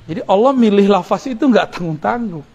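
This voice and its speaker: A man with a fairly high speaking voice teaches a Sufi study circle. He explains Arabic terms one by one, recites short prayers and breaks off for jokes with his listeners. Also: expressive, fairly quick, a little mellow, highs cut off. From Indonesia. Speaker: Islamic preacher.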